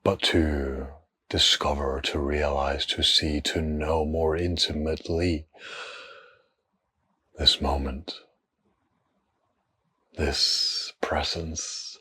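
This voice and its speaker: With a bass voice that is hushed, breathy and husky, a man leads a guided meditation. His tone stays level as he delivers short, unhurried phrases with long gaps between them.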